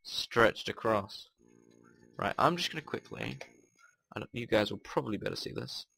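Young guy chatting over a game, lowish voice, gravelly and kinda bright, wry and offhand. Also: lively intonation, normal speed. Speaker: gaming video host. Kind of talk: casual gameplay commentary.

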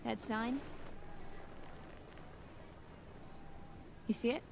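An actress playing a tough, protective, streetwise teenage older sister in an animated series. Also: female voice, on the high side, a little fast, vocal fry, noisy background. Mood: matter-of-fact. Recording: music under a played clip.

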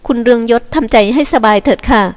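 A woman voicing a gentle, forgiving young girl who speaks softly and sweetly. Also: fairly high pitch, fast, voice pushed up, lightly acted. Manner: soft, sweet and soothing.

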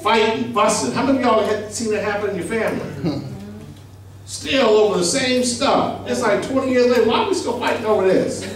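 A middle-aged man delivers a conversational sermon in a small church. His voice sits fairly high and he keeps tossing questions to the pews. The sound is distant and heavily echoey, recorded from the back of the room. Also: a little fast, a crowd in the background. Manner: emphatic, conversational preaching with rhetorical questions. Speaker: pastor. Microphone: handheld mic.

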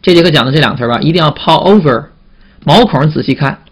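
Man, teacher, vocabulary lesson, slightly high voice, call-and-response questions. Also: animated, husky. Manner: repetitive, drawn-out "啊" fillers and call-and-response questions. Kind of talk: classroom vocabulary lecture.

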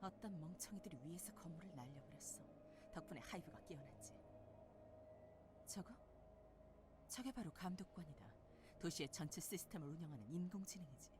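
여자 성우가 연기하는 낮은 목소리의 단호한 여군 장교. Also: female voice, lowish voice, animated, brisk, natural voice. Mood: hushed, businesslike. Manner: terse, authoritative. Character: stern, secretive female military intelligence officer, commanding and curt. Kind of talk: video game acting in Korean dub. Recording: game audio with clear background noise.

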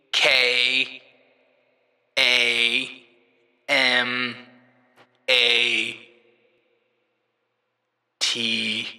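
A man's voice: medium pitch, pushed and bright. A man in his thirties giving sarcastic, mocking comedic news commentary from a small room, speaking into a desk microphone. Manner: mocking, laughing, drawn-out spelling. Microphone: desk microphone on camera.

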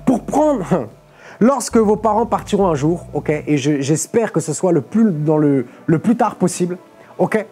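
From a studio-stage lectern, a young Portuguese man preaches a livestreamed sermon while faint music plays behind him. His high voice is slightly rough but mellow and relaxed, at a measured pace. He patiently explains, asking "ok?" over and over and tossing in "amen."

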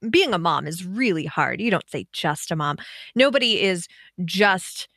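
Bright-voiced woman with whistling S's. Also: on the low side, very animated, moderate pace, gravelly, no room sound, clean studio sound. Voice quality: whistling S sounds. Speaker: podcast guest, audio editor. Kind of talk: casual podcast interview chat. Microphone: dynamic mic angled from the side with pop filter and windscreen, online call.

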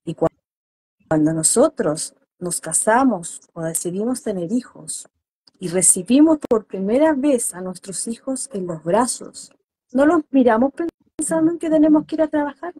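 A woman with a slightly high but mellow, husky voice talks earnestly in an interview. She presses her points about raising children with emphasis. The sound is close and dry, with no room around it. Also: expressive, moderate pace, no room sound. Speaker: guest therapist. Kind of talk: interview on parenting.

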